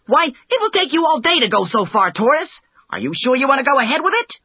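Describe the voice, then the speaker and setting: A man voicing a boastful, cocky young male hare with a high, mocking voice. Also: big pitch swings, fairly quick, lo-fi sound, heavily acted. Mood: scoffing.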